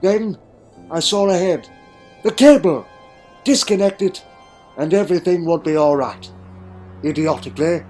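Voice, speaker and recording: A man's voice: on the high side, a little mellow, natural voice. Man playing the theatrical, eccentric Fourth Doctor, music underneath. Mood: urgent, excited. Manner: theatrical, brooding, with dramatic pauses and sudden exclamations. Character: eccentric Time Lord adventurer recalling his death, theatrical and wry. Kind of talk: dramatic first-person monologue in a fan audio drama.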